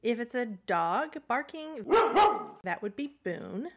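A woman co-hosting a podcast in casual chat, quirky and chatty and quick to laugh. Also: on the high side, animated, slight background noise. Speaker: podcast co-host.

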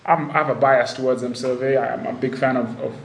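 A man's voice: medium pitch, steady tone, fairly quick, creaky. Male podcast host, echoey room. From Kenya. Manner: informal, searches for words with repeated starts. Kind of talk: casual interview. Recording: roomy echo, faint background noise.

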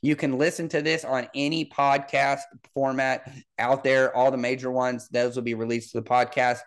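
A man's voice: mid-range voice, little pitch movement, moderate pace. Thirty-something man hosting a solo podcast. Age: 30s. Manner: conversational with frequent fillers and restarts. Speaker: podcast host and football coach.

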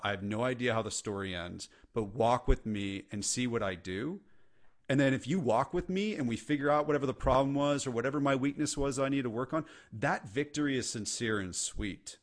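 A middle-aged man, a leadership coach, talking earnestly and casually as a podcast guest. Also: medium pitch. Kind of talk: podcast interview conversation.

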